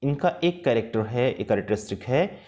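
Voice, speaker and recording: A man teaching an English lesson with patience, repeating and rephrasing each point, slow and careful in English and quicker in the rest. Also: medium pitch, animated, dark tone. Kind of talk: explanatory lesson mixing Hindi and English.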